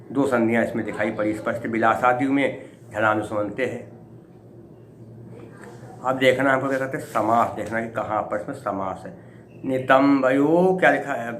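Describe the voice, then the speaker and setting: Slow, roomy male Sanskrit teacher. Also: mid-range voice. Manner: chants verse slowly, then explains in quick bursts with rhetorical questions. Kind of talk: classroom lecture explaining verse line by line. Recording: echoey room with faint background noise.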